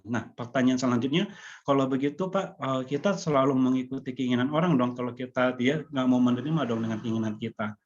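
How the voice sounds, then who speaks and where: A man explains things calmly in an online webinar, pausing on fillers as he works out his advice. His voice sits in an ordinary middle range. The call audio is muffled and lo-fi. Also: medium pitch. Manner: calm, explaining with many fillers. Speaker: webinar speaker.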